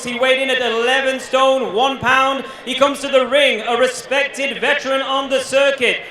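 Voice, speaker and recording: A man working as a boxing arena announcer, introducing fighters with projected, drawn-out showman calls. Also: very high voice, pushed and bright. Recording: echoey venue PA, faint background noise.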